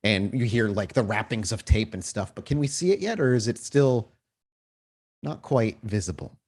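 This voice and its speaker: Narrating a tabletop RPG session, this game master paints scenes in lavish, cinematic language and asks the players what they'll do. He speaks at a moderate pace in a fairly low, animated voice with a darkish tone.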